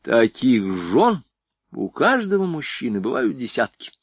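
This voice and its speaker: A man's voice: medium pitch, very animated, measured pace, slightly rough, no echo, exaggerated voice. A man voicing an older general's wife who talks in a syrupy tone and gives orders. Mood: scornful. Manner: syrupy then commanding. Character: older woman, general's wife, sugary yet imperious.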